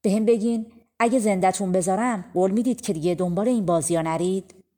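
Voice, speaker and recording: A bold and clever storybook prince who gives orders in a firm, unhurried voice, voiced by a woman narrator. He sounds stern toward the devil and earnest when advising others. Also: mid-range voice, mellow, lightly acted. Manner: commanding, deliberate.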